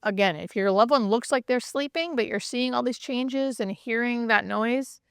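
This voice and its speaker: A hospice nurse appearing as an interview guest explains things and tells stories casually and animatedly, repeating herself for emphasis and often checking in with questions like "right?". Her voice is on the high side, gravelly, clear, and resonant, at normal speed, in clean studio sound with no echo.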